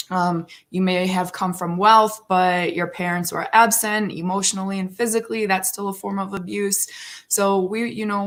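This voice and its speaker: Chatty woman in her thirties, morning-rough voice. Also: lowish voice, fairly bright tone. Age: 30s. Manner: rambling, chatty and earnest. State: morning frog voice. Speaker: livestream host. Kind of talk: casual live-stream talk.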